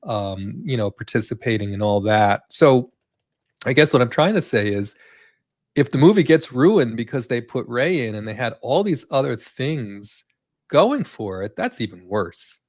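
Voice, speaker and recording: Male co-host, mid-pitched, rambling commentary with lots of fillers. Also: very animated, normal speed, darkish tone, dry recording, studio quality. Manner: rambling, many fillers and tag questions. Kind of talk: live entertainment news chat.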